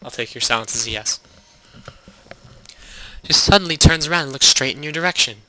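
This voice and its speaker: A young man hosting a game playthrough, reading on-screen text aloud with sarcastic, deadpan asides. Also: a little high, a little fast, low-quality recording. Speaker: let's play host.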